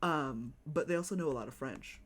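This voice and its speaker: Playing a game at home on a live stream, an American streamer with a Chicago accent chats and rambles casually. The mid-range voice runs a little fast and sounds a bit bright.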